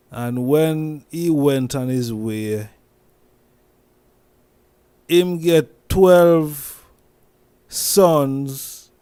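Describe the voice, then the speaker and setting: A Jamaican man hosting a loose commentary monologue, speaking slowly with a mellow, warm tone. He circles back on his words, restarts and repeats phrases often. The sound is dry and close. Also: a little high, dry recording. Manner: slow, repetitive, with many restarts and "you see me?". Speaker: host.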